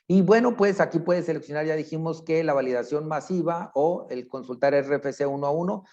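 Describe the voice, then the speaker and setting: A man with a Mexican accent, a public accountant walking through a screen-share software tutorial step by step and often checking in with a quick tag question. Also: a little high, lo-fi sound.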